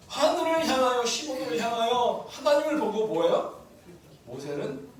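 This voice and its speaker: Male pastor preaching, high lively voice, big echoey church, mic kinda far off. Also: slight background noise. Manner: asks the congregation questions, lively and animated. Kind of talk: sermon. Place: church sanctuary. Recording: echoey room, mic from a distance.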